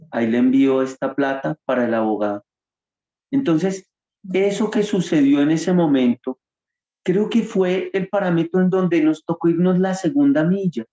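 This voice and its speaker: A man's voice: on the high side, warm tone. A man with a Colombian accent gives an earnest preaching testimony, acting out the dialogue he quotes. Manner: earnest storyteller, acts out quoted dialogue with God. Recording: roomy, dull lo-fi sound.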